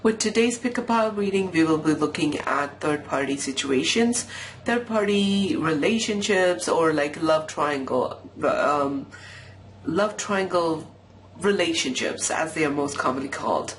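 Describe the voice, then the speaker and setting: A woman's voice: low-pitched, animated, normal speed, a little hiss or hum, rough recording. A woman with a cold and a nasal voice, chatting casually through a tarot reading with many fillers. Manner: chatty, filler-heavy, apologetic. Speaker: tarot reader. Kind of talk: casual pick-a-pile tarot talk.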